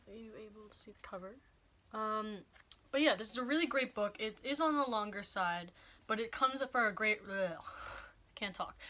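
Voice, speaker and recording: A young woman hosting a poetry reading video, chatting casually with many fillers and reading poems in a slower, measured way. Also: mid-range voice, sharp tone.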